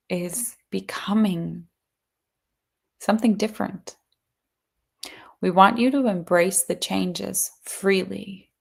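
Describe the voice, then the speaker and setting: A woman acting as a seance medium in trance, voicing a serene collective of spirits in measured, solemn pronouncements. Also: lowish voice, creaky, heavily acted. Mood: calm, reassuring. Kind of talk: trance channeling message.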